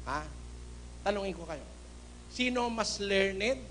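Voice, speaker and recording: A man preaching in a Filipino accent, forceful and indignant, firing rhetorical questions at his congregation. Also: high-pitched, animated, takes it slowly, a little hiss or hum. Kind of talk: Taglish sermon with Bible readings.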